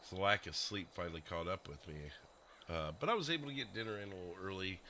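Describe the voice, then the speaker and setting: A fast-talking man with a low-pitched, bright and forceful voice hosts a livestream from his desk microphone. His chat with viewers is casual and rambling, loaded with fillers and self-deprecating jokes.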